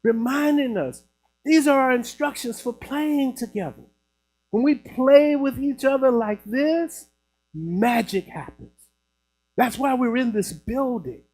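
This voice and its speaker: A minister from Chicago, his voice pitched high for a man, preaching in a chatty, animated way. He speaks to his congregation inside a church. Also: measured pace, a little hiss or hum, rough recording. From Chicago, USA. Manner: animated, conversational preaching with laughs. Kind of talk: sermon. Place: church building.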